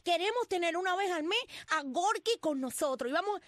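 A woman's voice: extremely high pitch, expressive, brisk, no echo. A woman with a Cuban accent hosting an informal call-in show, talking in a colloquial, exclamatory way. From Cuba. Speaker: talk show host.

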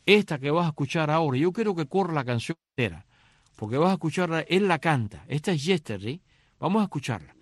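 A middle-aged man eagerly recounts a film's story in casual speech, slipping into the characters' voices. His voice sits a little high, and the sound is dry and close. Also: fast talker, breathy edge, dry recording. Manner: animated, acts out dialogue. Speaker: radio host recounting a film.

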